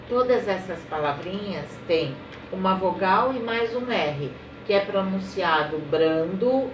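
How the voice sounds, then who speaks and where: A Brazilian Portuguese primary school teacher with a medium-pitched voice records a remote lesson for young children, dictating words one by one in a slow, drawn-out way. She explains patiently step by step, often checking in with "tá?". The recording is roomy and a little distant, with faint noise.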